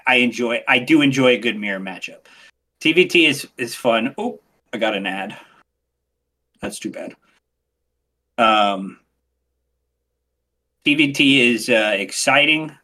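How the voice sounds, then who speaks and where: A man chatting casually as a podcast guest, animated and excitable, often restarting his sentences. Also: medium pitch. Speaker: podcast guest, game streamer. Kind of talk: casual interview chat.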